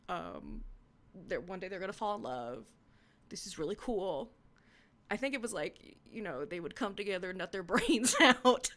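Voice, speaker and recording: This young woman half-whispers passages from fan fiction she wrote long ago, then breaks into giggly commentary poking fun at herself for her podcast. She speaks at a medium pitch.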